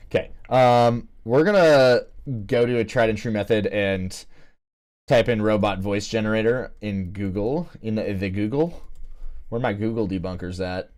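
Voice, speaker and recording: A man's voice: fairly low pitch, normal speed, darkish tone. A man in a casual commentary as a music producer, talking to himself with fillers and restarts. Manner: rambling self-talk with fillers and restarts. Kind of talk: casual screen-recorded commentary.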